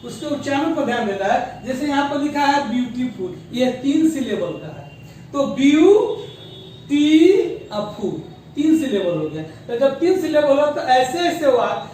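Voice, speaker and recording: A man teaching an English grammar lesson, explaining slowly and spelling out words syllable by syllable, mixing English terms into Hindi. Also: extremely high pitch, expressive, a little mellow, far from the mic, a little hiss or hum. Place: school classroom. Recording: very echoey room, voice off-mic.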